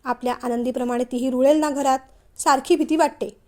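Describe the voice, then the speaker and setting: A woman voicing an anxious, soft-hearted middle-aged mother who fusses over her sons in a storybook reading. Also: sits high, steady tone, brisk, close to an everyday voice. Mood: worried. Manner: anxious, fussing.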